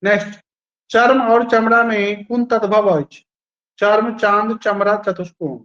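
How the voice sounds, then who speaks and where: A man's voice: high-pitched, fairly even intonation, measured pace, a bit bright, lo-fi sound. A male teacher running a live online quiz class, repeating each question and its options and praising students by name.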